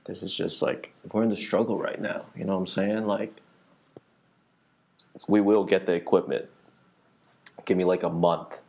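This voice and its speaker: A man's voice: deep voice, steady tone, normal speed, gravelly, pauses often, a little mellow. A young man hosting a solo podcast from a small library conference room, chatting casually in a rambling, slangy, swearing style.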